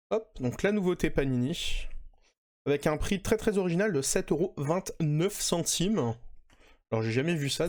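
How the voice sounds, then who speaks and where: A man's voice: fairly high pitch, a little mellow. A man hosting a casual manga podcast, chatting with lots of hesitations and fillers. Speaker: podcast host.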